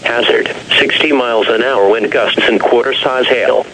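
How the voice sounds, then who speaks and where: A man's voice: mid-range voice, fairly bright tone. Synthetic male emergency alert voice, noisy radio. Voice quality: synthetic text-to-speech voice. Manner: measured, formal, impersonal reading. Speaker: automated weather radio announcer. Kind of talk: emergency alert weather warning bulletin. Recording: noisy weather radio broadcast.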